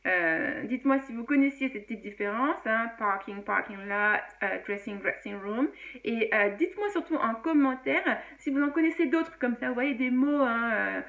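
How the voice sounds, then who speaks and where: A woman's voice: on the high side, moderate pace, a bit bright. A woman teaching English in a casual video lesson, chatty with many fillers and frequent laughs.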